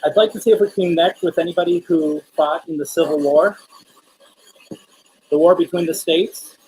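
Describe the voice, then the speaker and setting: A paranormal investigator hosting a live spirit box session, speaking casually and haltingly, often putting questions to unseen listeners. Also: mid-range voice, fairly even intonation, warm tone. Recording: noisy, rasping static. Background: raspy radio static noise.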